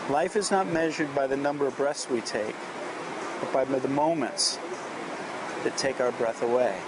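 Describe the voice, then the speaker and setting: With a medium-pitched voice and a measured, earnest delivery, this man reflects on camera at the beach and reads out an inspirational message. Outdoor ambient noise is plainly heard, and the noisy recording carries a traffic-like hum.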